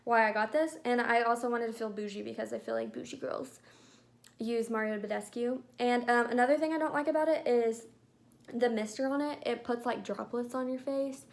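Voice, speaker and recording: Young woman, beauty vlog, chatty and rambling, slightly high voice with vocal fry. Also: fairly even intonation, a little fast. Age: young adult. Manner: chatty, rambling, lots of filler words. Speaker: beauty vlogger. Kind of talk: casual chat.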